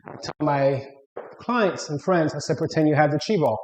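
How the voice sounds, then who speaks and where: A man's voice: a little high, animated, moderate pace, a little mellow, a little hiss or hum. A man coaching an exercise, giving plain-spoken step-by-step instructional cues. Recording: echoey room.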